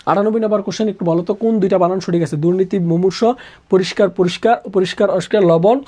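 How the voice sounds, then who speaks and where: A man teaching a live online exam-prep class who repeats each question and answer again and again, pushing students to answer quickly. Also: high-pitched, fairly even intonation, mellow. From Bangladesh. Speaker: admission exam tutor.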